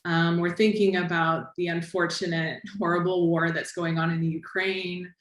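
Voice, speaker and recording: A woman's voice: fairly low pitch, little pitch movement, moderate pace. Woman panelist in an echoey room. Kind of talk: panel discussion.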